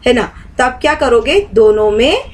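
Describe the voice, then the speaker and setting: A woman's voice: on the high side, sing-song, moderate pace, rough recording. A woman teaching a live online meditation class. She keeps asking the class questions to walk them through her points. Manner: asks the class many rhetorical questions.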